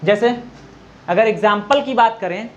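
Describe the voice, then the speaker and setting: At a moderate pace and in a high voice, a man lectures on grammar for exam preparation, asking and answering his own questions while dictating notes. To demonstrate, he draws out his vowel sounds. The recording is lo-fi and dull, with a little faint noise.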